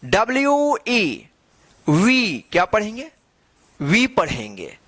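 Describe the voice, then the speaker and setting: A male English teacher giving a classroom-style lesson. He spells letters out slowly and answers his own questions. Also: sits high, wildly swooping pitch, fairly bright tone, no echo.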